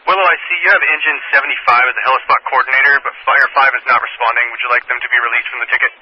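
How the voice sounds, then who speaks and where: A fire dispatcher speaks over a two-way radio dispatch channel, matter-of-fact and clipped, repeating details back in procedural phrases. His voice is medium-pitched, fairly even and rapid-fire. The scanner audio is noisy and band-limited, with the highs cut off and clicks throughout.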